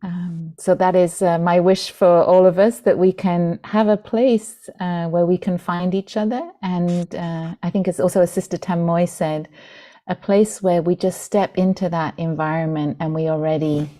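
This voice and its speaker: A British woman in her forties, a Buddhist nun, speaking gently and reflectively to an online gathering. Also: on the low side, fairly even intonation, normal speed. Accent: British, with an international lilt. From Britain. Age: 40s. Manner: gentle, reflective, with soft fillers and restarts. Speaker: Buddhist nun and Dharma teacher. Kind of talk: heartfelt talk to an online community. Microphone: video call.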